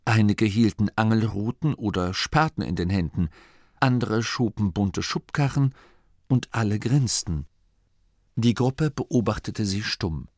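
A man reading a fantasy novel aloud as an audiobook narrator in a measured way. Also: fairly low pitch, a little mellow, no echo, studio quality. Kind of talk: scripted narration.

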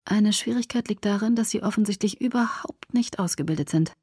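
A woman voicing a grim young male vampire soldier in a hushed, breathy whisper, brooding and slow, in an audiobook reading. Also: mid-range voice, no room sound, clean studio sound, close to an everyday voice. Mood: grave.

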